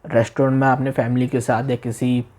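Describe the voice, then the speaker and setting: Male tutor, mid-pitched voice, repetitive beginner teaching style, pushes his intonation up and down to demonstrate. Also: level tone, mellow. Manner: repeats phrases slowly and asks the listener questions; exaggerates tone to demonstrate meaning. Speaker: Japanese language teacher. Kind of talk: demo class lesson taught in Hindi.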